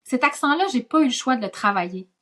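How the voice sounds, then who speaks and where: Woman guest, actress, softened Gaspésie accent, raised pitch, lively conversational storyteller. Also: quick pace. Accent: Gaspésie French, softened toward standard Quebec French. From Gaspésie, Quebec. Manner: chatty, lively storytelling full of asides. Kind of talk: casual podcast conversation.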